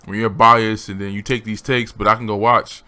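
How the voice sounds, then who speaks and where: A man's voice: on the low side, flat delivery, normal speed, bright, forceful tone, clear, resonant tone. A man giving blunt, slangy opinion commentary straight to his viewers. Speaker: commentary vlogger.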